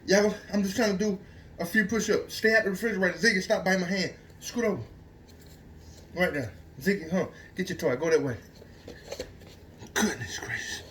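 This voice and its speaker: A man's voice: high voice, fairly quick, fairly bright tone, slight background noise. An American man chatting casually to his child and dog at home, coaxing repeatedly in an exasperated way. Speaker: parent filming a home video. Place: indoors at home.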